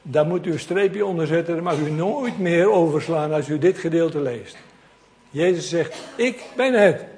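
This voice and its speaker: A man preaches to his congregation, his voice pitched a little high. He tells the story in a lively, conversational way and turns often to address his listeners directly. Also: normal speed. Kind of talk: sermon.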